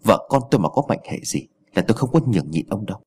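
A worn-down young husband speaks with weary resentment that can flare into defiance, voiced by a man narrating. The voice is low, husky and lively in pitch. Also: fast talker. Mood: strained. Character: worn-down, hard-pressed young village husband.

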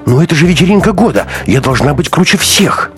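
Audiobook girl figure: spoiled teen heiress, high and hushed, cutting sarcasm, read by a male narrator. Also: big pitch swings, a little fast, soft background music. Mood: excited. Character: sharp-tongued teenage girl, spoiled heiress.

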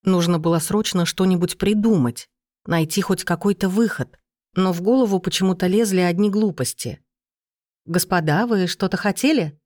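A reader narrating a first-person fantasy audiobook in an even delivery. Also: medium pitch, normal speed, no echo, clean studio sound.

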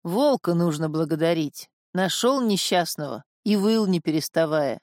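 A woman voicing a curt middle-aged father who can become a bear, speaking briskly in an audiobook. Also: fairly low pitch, animated, darkish tone, no room sound, clean studio sound, natural voice.

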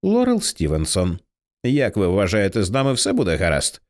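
A man's voice: fairly low pitch, huge pitch swings, moderate pace, pitched below the performer's own voice. A man voicing a tired grown woman in an audiobook reading, answering in brief, dry replies. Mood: dry, subdued.

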